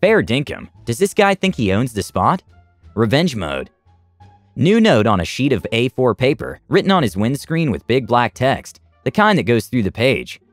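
A man narrating reddit stories aloud in a lively storytelling manner. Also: normal speed, dry recording, faint music behind. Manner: lively storytelling with big pitch swings.

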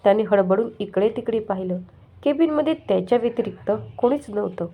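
A woman narrating a story in a steady, even reading voice, with the occasional small restart. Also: mid-range voice, fairly quick, breathy edge, narrow, tinny audio.

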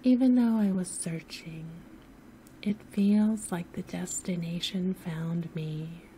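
A woman with a very mellow, dark-toned voice narrates a sleep story. She is soft-spoken and soothing, often drifting near a whisper. Her pace is very slow and unhurried, with faint noise behind her. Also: on the low side, fairly even intonation, poor audio. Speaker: host and narrator of sleep stories.

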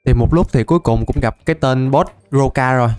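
A young man, chatting casually as he plays a game, laughing often and repeating words in quick bursts. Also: medium pitch, darkish tone, smooth, faint music behind. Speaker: gaming YouTuber. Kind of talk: casual Minecraft let's-play commentary.

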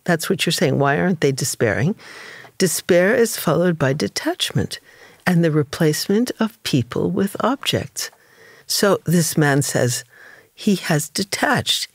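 Thoughtful older woman, low dry voice. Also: expressive, unhurried, slightly rough, no room sound. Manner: thoughtful, explains with stories and quoted voices. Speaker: psychologist and author, guest. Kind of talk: conversational interview.

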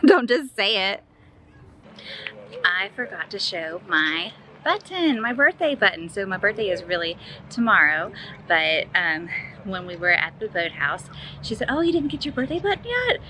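In a sing-song, mid-range voice with a sharp tone, a woman in her thirties gives casual vlog narration at a moderate pace, holding her phone or camera at arm's length. This mom tours a resort outdoors and an indoor arcade, pointing things out in a chatty, upbeat, tour-guide style over slight background noise.

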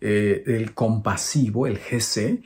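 A male priest giving a homily that explains a scripture reading. He talks in a deliberate, searching way, often pausing to check in with his listeners. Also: on the low side, a little mellow.

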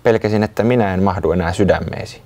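A man doing curt little Sisu. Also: low voice. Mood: sulky. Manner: curt, sulky, then shyly warm. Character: small sulky touchy child-like creature Sisu.

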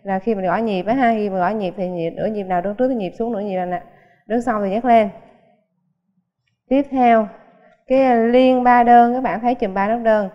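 A woman's voice: mid-range voice, fairly quick. A woman teaching a piano lesson in a casual, chatty way, counting beats aloud and explaining with everyday comparisons. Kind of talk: casual spoken music lesson. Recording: muffled sound with a long hall reverb.

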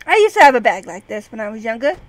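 A woman's voice: on the high side, sing-song, fast talker, no room sound, low-quality recording. A woman in her twenties chatting and rambling casually while commentating her gameplay. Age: 20s. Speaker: let's player.

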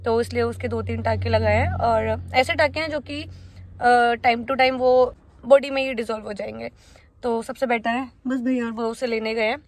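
A woman's voice: a little high, fairly even intonation, moderate pace. A young woman in her twenties, talking casually to her phone camera from inside a car, chatty and mixing in English words. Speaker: vlogger. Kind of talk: casual vlog narration. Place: inside a parked car by day. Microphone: phone held at arm's length.

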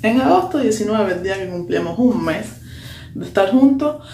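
A woman's voice: mid-range voice, normal speed, gravelly. A young woman, animatedly telling a personal story in a casual vlog. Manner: animated, lively retelling with slang and English asides. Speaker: vlogger. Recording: echoey room with faint hum.

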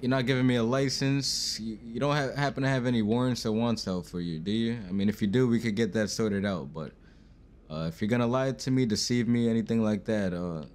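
A man's voice: medium pitch, fairly quick, a little mellow, a little hiss or hum. A man roleplaying a police officer, speaking in formal, polite cop patter. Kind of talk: in-character roleplay.

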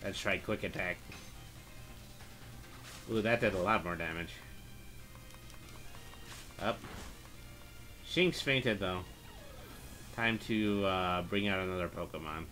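Man, gameplay commentary, fairly low voice, relaxed, thinking aloud. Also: takes it slowly, long pauses, soft background music. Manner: relaxed, thinks aloud with fillers while playing. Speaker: streamer.

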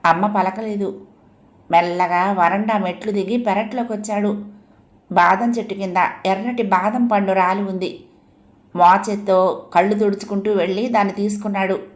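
A woman reading a story aloud in a gentle, unhurried storytelling manner. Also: mid-range voice, steady tone. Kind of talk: audiobook story narration.

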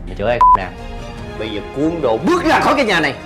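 An actor playing an impatient young husband who gives curt, dismissive orders. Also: male voice, on the high side, huge pitch swings, very fast, loud music behind the voice. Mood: stern. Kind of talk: web drama acting.

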